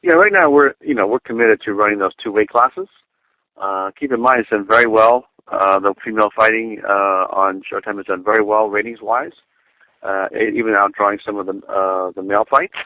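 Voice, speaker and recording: Male promoter, fairly low voice, business-like answers, dry and narrow phone-line audio. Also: brisk, no room sound. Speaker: fight promotion executive.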